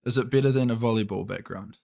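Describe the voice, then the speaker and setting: A man co-hosting a casual podcast, joking in a dry, deadpan way. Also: medium pitch, quick pace, gravelly. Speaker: podcast co-host. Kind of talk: casual chat.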